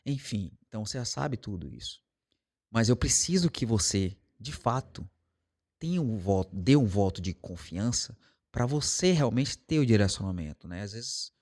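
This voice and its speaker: A man's voice: lowish voice, expressive, normal speed, a little mellow. A Brazilian man who teaches English, talking casually and explaining his method with everyday examples. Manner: explains with everyday examples and acted quotes, varying pace. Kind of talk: casual monologue to camera.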